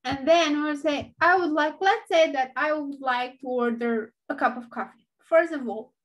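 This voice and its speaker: A young woman, a native Romanian speaker with a Romanian accent, teaches an online language lesson into her laptop webcam. Her voice sits high and she talks at normal speed, patiently repeating words for learners.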